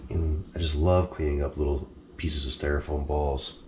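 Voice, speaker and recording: A man's voice: extremely low pitch, steady tone, normal speed, warm tone, slight background noise. A man collector talking casually in a blunt, exasperated way and swearing freely. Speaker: mask collector. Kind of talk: casual vlog ranting.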